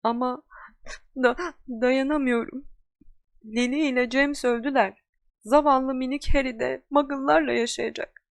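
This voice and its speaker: A woman voicing a huge, tearful, gentle male giant in an audiobook, loud and deferential. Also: fairly low pitch, normal speed, clean tone, no room sound, lightly acted. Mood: sobbing.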